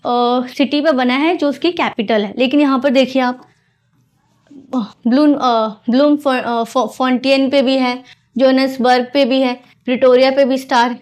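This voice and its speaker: A woman teaching an exam-prep geography lesson, mixing Hindi and English and explaining patiently with memory tricks. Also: high-pitched.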